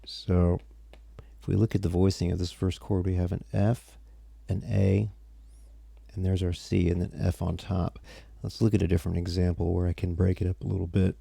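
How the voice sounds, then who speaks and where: A man's voice: low-pitched, flat delivery, moderate pace, creaky, warm tone, slightly rough, no room sound. A tired man teaching music theory on a casual livestream, rambling and breaking off mid-sentence as he chats with viewers. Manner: rambling, self-interrupting, chatty with viewers.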